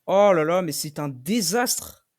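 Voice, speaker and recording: A young man commentating his own game play, swearing often and shouting when he loses. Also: high-pitched, expressive, measured pace. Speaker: gaming streamer.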